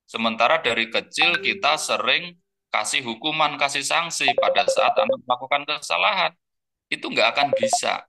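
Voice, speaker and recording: Bright-voiced man lecturing. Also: medium pitch, expressive, normal speed. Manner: conversational, with many fillers and repeated phrases; acts out gentle parent talk to a child. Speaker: Islamic teacher giving a parenting webinar. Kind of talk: relaxed spoken lecture. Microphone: webinar computer mic.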